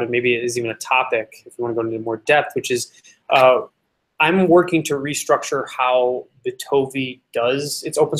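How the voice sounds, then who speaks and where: A man talking at a casual team meeting, chatty and speaking in quick bursts. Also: mid-range voice, a bit bright. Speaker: meeting participant.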